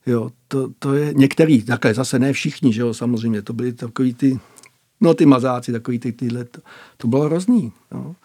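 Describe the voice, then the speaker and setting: A man's voice: medium pitch, dark tone, no echo. Man reading aloud in a radio studio. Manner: loose, filler-heavy chat. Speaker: guest, author. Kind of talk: reading a book excerpt and chatting.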